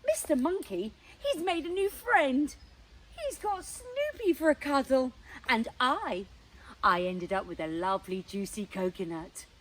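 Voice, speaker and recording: Young woman hosting a kids' show, high voice, talks slow and draws it out. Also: recorded from a distance. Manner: animated, exaggerated, very expressive. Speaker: children's music presenter. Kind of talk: children's show, talking to young viewers.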